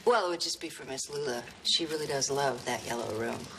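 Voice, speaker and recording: A woman playing a brash, flirtatious woman in a 1990s sitcom, delivering sassy, deadpan comebacks. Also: a bass voice, brisk. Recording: sitcom recording with audible background noise.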